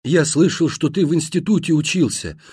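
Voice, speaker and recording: A man reading an audiobook and voicing a deaf, bedridden grown man who talks loudly in a deep, husky voice. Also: moderate pace, no echo, clean studio sound. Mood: loud, gruff.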